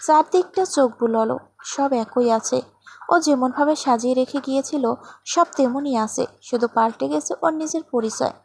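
Lady reading a sad story out loud, gentle n even, pretty high voice. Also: moderate pace, creaky, slight background noise. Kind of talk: scripted story narration.

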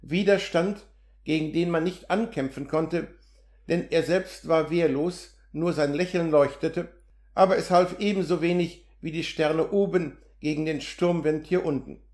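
A man reads a classic novel aloud in a measured, steady way, with a slightly high voice. The room around him adds a noticeable echo to every line. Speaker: audiobook reader. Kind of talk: literary audiobook narration. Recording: roomy echo.

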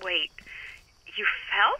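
A worried, loving wife on the radio. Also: female voice, mid-range voice, sing-song, slow pace, bright, forceful tone, highs cut off, slight background noise, heavily acted. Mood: soothing. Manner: worried, soothing, caring. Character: anxious, loving woman on a radio link.

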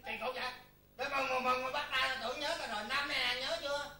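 A performer playing an excitable old friend who arrives on a visit and keeps asking to be remembered, in a comedy sketch. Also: high voice, fast, a little hiss or hum, full character voice. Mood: eager. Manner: eager, keeps repeating itself. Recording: very echoey, from far off.

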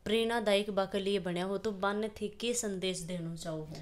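A woman's voice: mid-range voice, fairly even intonation, normal speed. A woman with a Rajasthani accent interviewing a singer, asking loosely phrased, chatty questions.

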